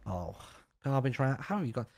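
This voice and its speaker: A man's voice: medium pitch, very animated, a little fast, soft background music. A man in a casual game role-play, friendly and teasing. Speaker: roleplay player.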